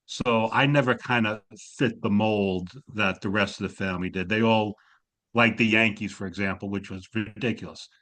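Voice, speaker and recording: A man's voice: fairly low pitch, steady tone, normal speed, a bit bright. Wry older man, slight New York accent. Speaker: class discussion participant. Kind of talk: storytelling in a Zoom class discussion. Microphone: video call.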